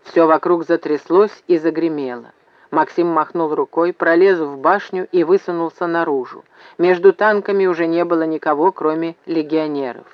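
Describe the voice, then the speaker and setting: A man reading an audiobook as narrator in a steady storytelling way. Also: fairly high pitch, normal speed, dry recording. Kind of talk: scripted narration. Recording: slightly muffled dry recording.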